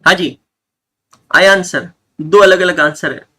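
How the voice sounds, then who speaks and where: Brief: upbeat man running a live online class, slow and deliberate, bright voice, jokes with students. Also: high voice, steady tone. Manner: banters with students, mixes Hindi and English. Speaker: online commerce teacher.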